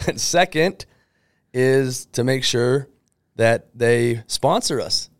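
A man's voice: mid-range voice, slow pace, dry recording, studio quality. A man hosting a casual interview, upbeat and effusive, rambling a little as he introduces his guest. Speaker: podcast host interviewing an employee.

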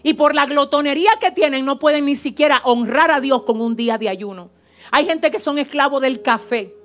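A woman pastor preaching a fervent, animated sermon in a church service, with asides to the congregation. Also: high-pitched, moderate pace, faint music behind.

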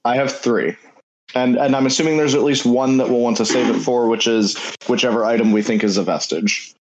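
Man, player, mid pitch, rambling, repeats words, casual. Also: fairly even intonation, a little fast, lo-fi sound, noisy background. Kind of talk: casual chat in a tabletop game.

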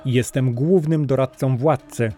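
Brief: male reader doing a distrustful court vizier, insinuating and low-key, mellow. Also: measured pace, soft background music, lightly acted. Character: suspicious, jealous male royal vizier.

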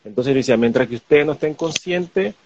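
Male host, halting and restarting, muffled lo-fi live stream sound. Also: medium pitch, a little mellow, a little hiss or hum. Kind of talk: casual interview chat.

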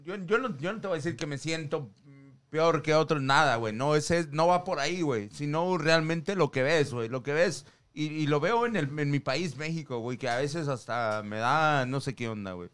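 A man's voice: on the high side, moderate pace, fairly bright tone, clear, resonant tone. A Mexican man chatting casually as a podcast co-host, peppering his talk with slang. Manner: slangy, repeats "güey" and "papá" often. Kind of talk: casual chat.

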